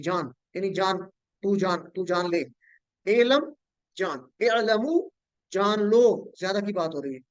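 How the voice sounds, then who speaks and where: A man's voice: high voice, no room sound, lo-fi sound. A man teaching an online class, patiently drilling word patterns with his students.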